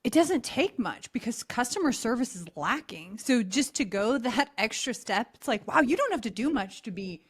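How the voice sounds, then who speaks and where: A woman's voice: on the high side, big pitch swings, normal speed, few pauses, husky. A woman co-hosting a podcast interview, upbeat and asking probing questions. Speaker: podcast co-host.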